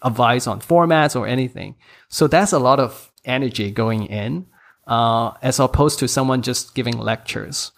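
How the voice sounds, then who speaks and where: On a laid-back podcast interview, a thirtysomething course creator from a Hong Kong background speaks English, his third language, at normal speed with vocal fry in a mid-range voice. He's open about himself, self-mocking, and quick to laugh.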